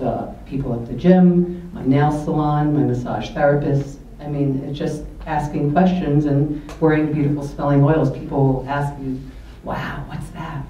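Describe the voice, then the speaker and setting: A woman's voice: deep voice, dark tone, slight background noise. A woman on a panel talking earnestly and reflectively about meeting people. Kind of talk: panel discussion talk. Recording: dull, very echoey hall from far off.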